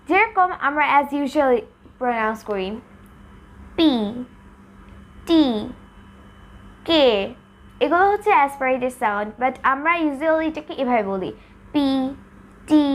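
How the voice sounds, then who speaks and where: A woman's voice: high voice, fairly bright tone. A young adult woman teaching spoken English, switching between Bengali and English and repeating sounds and single words to demonstrate them. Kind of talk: bilingual pronunciation lesson.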